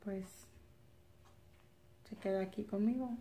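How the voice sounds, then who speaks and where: A woman's voice: medium pitch, steady tone, slow, mellow. A middle-aged woman with a Mexican accent chats casually and colloquially to camera as a family vlogger, holding a phone at arm's length. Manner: colloquial, chatty. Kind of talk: casual narration to camera while doing daily errands. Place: at home, indoors and in front yard. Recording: handheld phone with clear ambient noise.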